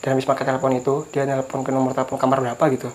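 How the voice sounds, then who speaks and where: A young man telling a personal story in a casual chat, animated and quick to laugh. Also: mid-range voice, a little hiss or hum. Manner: fast, animated, laughs often and acts out voices. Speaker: guest storyteller.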